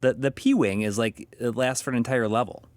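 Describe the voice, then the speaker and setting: A man co-hosting a podcast in casual chat, halting and hesitant, with lots of fillers. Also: mid-range voice, fairly even intonation, a little mellow, no echo. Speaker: podcast co-host.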